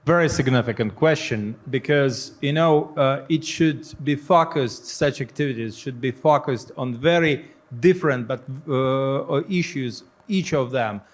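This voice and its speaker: A man answering as a panelist, listing his points deliberately between fillers. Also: medium pitch.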